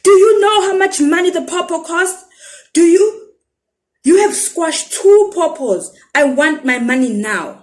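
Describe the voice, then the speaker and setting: A woman voicing a mean, angry pawpaw seller at a market who shouts and scolds. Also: very high voice, animated, measured pace, voice pushed up. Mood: furious.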